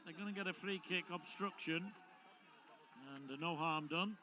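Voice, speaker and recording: A man giving live play-by-play football commentary, rising to excited shouts when play gets tense. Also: high voice, moderate pace. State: out of breath.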